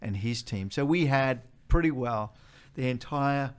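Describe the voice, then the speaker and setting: A man's voice: mid-range voice, lively intonation, unhurried, smooth. Australian-accented man explaining things step by step. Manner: explains step by step, emphasizing and repeating key points. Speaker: charity leader being interviewed. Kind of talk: explanatory interview talk.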